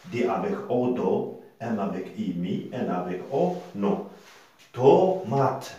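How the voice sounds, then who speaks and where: A man gives a reading lesson at an unhurried pace, breaking words into syllables and repeating each one patiently. His voice sits a little low. The recording rings with heavy room echo. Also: mellow, muffled recording. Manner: repetitive, patient, sounds out syllables slowly with tags like hein. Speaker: teacher. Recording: very echoey room.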